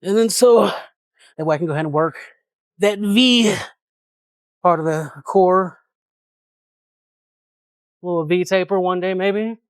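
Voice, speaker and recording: A man vlogging his gym workout, explaining each exercise in a relaxed way and out of breath between sets. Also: sits high, measured pace, pauses often, clean tone, no echo. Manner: relaxed, explaining exercises while doing them. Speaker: fitness vlogger. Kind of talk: casual workout vlog.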